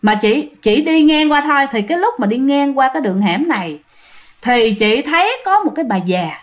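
Lively storyteller woman. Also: high-pitched, moderate pace. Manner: chatty, addresses listeners often. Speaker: ghost story narrator. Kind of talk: storytelling to listeners.

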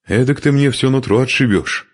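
A man voicing a mocking, quarrelsome young Norse warrior woman in an audiobook, with a husky, sharp-tongued voice. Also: medium pitch, normal speed, pitched above the performer's own voice, lightly acted.

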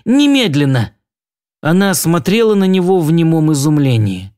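Выразительное чтение аудиокниги мужским голосом. Тон высокий, интонация подвижная и яркая. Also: male voice, a little high, big pitch swings, measured pace. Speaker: audiobook narrator. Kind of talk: audiobook reading.

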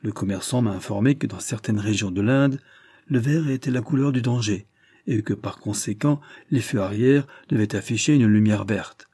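A man voicing a blind gentleman detective who speaks softly, in a measured and quietly ironic way, in an audiobook reading. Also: on the low side, breathy edge, no echo, clean studio sound. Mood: explaining. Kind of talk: audiobook character voice.

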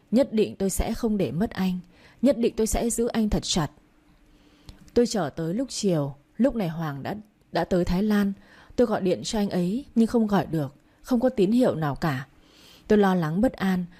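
Warm-voiced woman reading a story. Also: medium pitch. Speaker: audiobook narrator. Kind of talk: first-person story reading.

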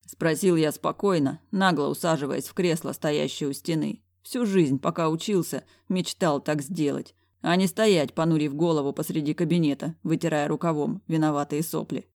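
A woman reading a first-person audiobook narration in a wry, even storytelling manner. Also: deep voice, moderate pace, hardly any pauses, no room sound, clean studio sound.

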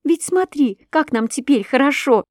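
A woman voicing an impulsive, proud young princess who talks emotionally and bursts into excited outbursts. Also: high-pitched, normal speed, dry recording, clean studio sound, voice pushed up. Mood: affectionate. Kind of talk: audiobook reading.

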